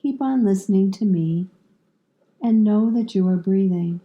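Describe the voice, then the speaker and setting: On a lo-fi recording, a woman with a mid-range voice talks listeners through a yoga nidra meditation, her instructions calm and soothing, delivered in measured phrases with lengthy pauses.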